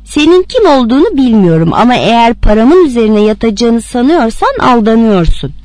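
A woman's voice: fairly high pitch, sing-song, fairly quick, darkish tone, dry recording. A woman voicing a brash, streetwise woman who threatens and swears coarsely in a read-aloud story. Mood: threatening. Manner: rough, threatening, crude.

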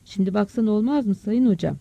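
A narrator voicing a pushy village builder who flatters and pleads in an audiobook story. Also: medium pitch, brisk, creaky, slightly rough, no echo. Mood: pleading. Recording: dull, dry close recording.

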